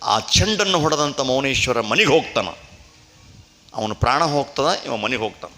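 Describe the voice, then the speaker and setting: A man's voice: medium pitch, expressive, moderate pace, bright, forceful tone, faint music behind. A man giving a devotional storytelling sermon, acting out characters' cries and then explaining them to his listeners. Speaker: religious storyteller. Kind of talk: dramatic devotional purana sermon.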